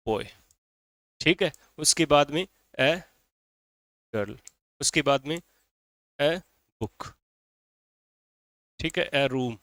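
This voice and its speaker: A man's voice: on the high side, a bit bright, dry recording. Hindi-speaking male teacher, dry close sound. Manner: repeats "ठीक है" constantly, asks and answers own questions. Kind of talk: classroom grammar lesson.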